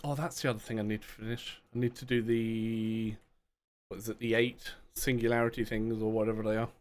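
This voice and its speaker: A man's voice: fairly low pitch, little pitch movement, a little fast. A man chatting casually on a live game stream, rambling, self-mocking and laughing often. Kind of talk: casual live-stream chat while gaming.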